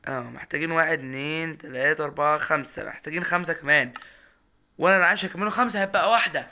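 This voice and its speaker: A young man with an Egyptian Arabic accent commentating his own Minecraft run, excitable, talking straight to his viewers and repeating words in bursts. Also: a little high, rapid-fire. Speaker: gaming YouTuber.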